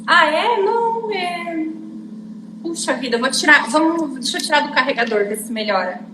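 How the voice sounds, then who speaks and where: A woman's voice: high-pitched, lively intonation, normal speed. A woman who teaches pastry, chatting as a guest on a live stream. Her voice comes through a phone with an echo. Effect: echoey doubled sound over a phone line. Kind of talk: casual live-stream chat. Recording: echoey phone audio with clear background noise.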